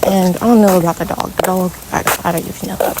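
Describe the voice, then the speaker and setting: A woman's voice: fairly low pitch, quick pace. A woman vlogging outdoors on a rural road, chatting and coaxing animals in a sweet baby-talk voice. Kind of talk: casual vlog walking with animals. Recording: steady outdoor background noise.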